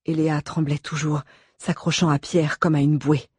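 A narrator reads a novel aloud with measured, suspenseful pacing and a mid-range voice. The tone has a husky grain, recorded close and completely dry. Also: mid-range voice, little pitch movement, a little mellow, no echo. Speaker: audiobook narrator. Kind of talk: dramatic audiobook narration.

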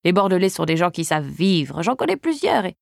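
A woman's voice: fairly low pitch, sing-song, a little fast, creaky, no room sound, studio quality, full character voice. A woman voicing a chatty sweet old lady. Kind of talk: audiobook reading.

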